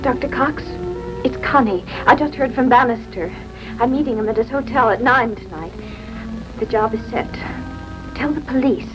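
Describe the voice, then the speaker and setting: A woman's voice: a little high, moderate pace, lo-fi sound, music in the background, lightly acted. An actress playing an anxious, guarded young wife and mother in a 1950s TV broadcast drama, speaking hesitantly and earnestly. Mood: urgent, anxious. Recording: noisy old 1950s TV soundtrack.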